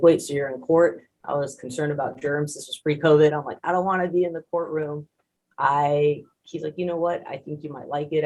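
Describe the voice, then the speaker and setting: A man's voice: fairly high pitch, a little mellow, slightly rough, low-quality recording. A man in his thirties, a prosecutor who grew up in Mexico and speaks Spanish as his first language, telling his story in an earnest, conversational way with frequent restarts. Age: 30s. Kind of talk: panel talk, personal story.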